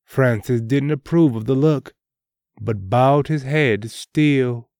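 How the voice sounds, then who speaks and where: A man hosting and narrating a serial story, reading scripted dramatic prose in a measured, deliberate way. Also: medium pitch, darkish tone, dry recording, clean studio sound.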